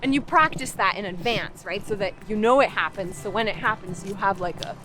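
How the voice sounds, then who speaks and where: A young Canadian woman, a native English speaker who works as a language coach, chats on a walk through a park, packing in "like" fillers and restarts. Her medium-pitched voice moves fairly quickly over background music on a rough recording.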